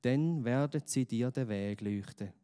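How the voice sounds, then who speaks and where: Man as kind old shepherd, slow and mellow, storybook. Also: medium pitch, clear, resonant tone, big-room sound, natural voice. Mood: caring.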